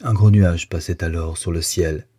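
Deep, husky male audiobook narrator. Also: steady tone, normal speed, mellow, no echo, clean studio sound.

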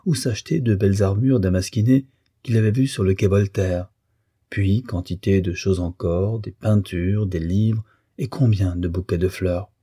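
Dark, husky male audiobook reader. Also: low-pitched, no echo, clean studio sound. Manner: measured, even reading. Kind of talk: scripted narration of a classic novel.

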